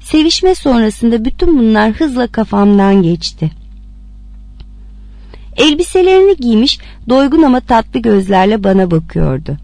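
A woman reading a story aloud with expressive narration. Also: fairly high pitch, normal speed, gravelly, no echo. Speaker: reader.

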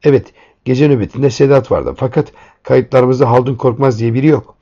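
A man's voice: mid-range voice, normal speed, dark tone, slightly rough. A man voicing a curt young woman hotel receptionist, polite but firm and clipped, in a dull lo-fi recording.

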